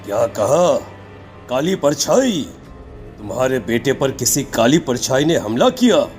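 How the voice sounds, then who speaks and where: An actor voicing a stern, ominous tantric holy man in a horror cartoon, accusing and deliberate. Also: medium pitch, big pitch swings, a little mellow, soft background music.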